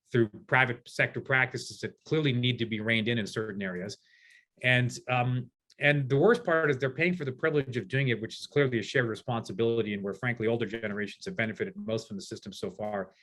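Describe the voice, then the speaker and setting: A man's voice: mid-range voice, fairly bright tone. A man in his forties, a guest in a discussion, arguing his case with passion. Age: 40s. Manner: passionate, argumentative. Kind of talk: conversational discussion.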